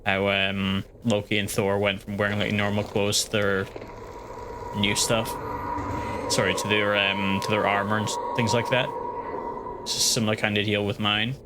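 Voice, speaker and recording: A man's voice: lowish voice, monotone, normal speed, heavy background noise. A man streaming a game live, chatting casually and rambling with lots of restarts. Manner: rambling, full of fillers and restarts. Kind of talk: casual gaming livestream chat.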